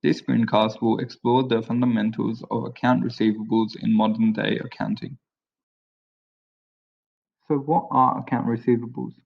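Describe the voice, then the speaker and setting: Gravelly man, dull screen-recording voice-over. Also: medium pitch, moderate pace. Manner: plain, even script reading. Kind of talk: read-aloud screencast introduction. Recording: dull lo-fi sound.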